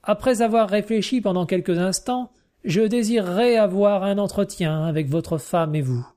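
A reserved gentleman traveller speaks in a measured, earnest and courteous manner, as a male narrator reads his part. His voice sits a little higher than the narration, with a soft, mellow color. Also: close to an everyday voice. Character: Monsieur Serge, reserved Russian gentleman traveller.

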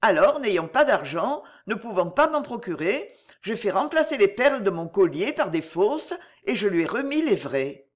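A reader voicing an aristocratic wife who confesses with an emotional, pleading delivery in an audiobook. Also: female voice, mid-range voice, very animated, normal speed. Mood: confessing. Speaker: countess. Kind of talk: audiobook character reading.

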